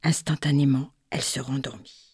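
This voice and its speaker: A woman reading a literary fairy tale aloud with measured, expressive narration. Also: extremely low pitch, background noise. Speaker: storyteller.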